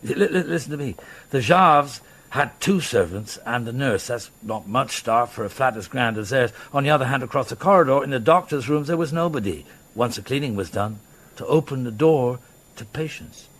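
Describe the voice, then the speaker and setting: An actor in the lead role of a radio drama plays a patient middle-aged police inspector, murmuring hesitantly and wryly with a mild stammer, in a polite, furtive mood. The naturalistic performance uses a medium-pitched voice that is animated, moderately paced and a bit bright.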